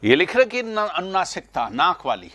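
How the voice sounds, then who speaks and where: A man's voice: high-pitched, moderate pace. A middle-aged man teaching Hindi spelling in a live online class, correcting and praising students by name. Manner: animated, stresses words loudly when correcting, praises students often.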